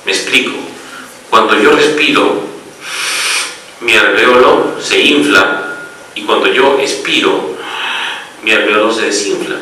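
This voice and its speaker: Bright-voiced lecturing doctor in an echoey room. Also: male voice, on the low side, slow, long pauses, distant mic, a little hiss or hum. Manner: explanatory, checks in often with the audience. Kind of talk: medical lecture.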